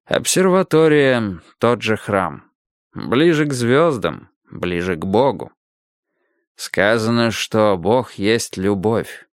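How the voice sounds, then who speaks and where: A kind old grandfather, slow and thoughtful, his low voice rising and falling widely as he muses, as a reader puts him on. The recording is dry and close, with no room around it. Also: expressive, dry recording. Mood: reflective. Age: older. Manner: slow, gentle, reflective.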